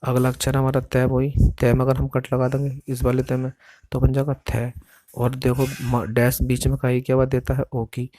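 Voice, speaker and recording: A man's voice: medium pitch, completely flat delivery, moderate pace, warm tone. A man teaching a shorthand lesson step by step, patiently explaining each stroke and repeating how to read it. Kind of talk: step-by-step classroom instruction.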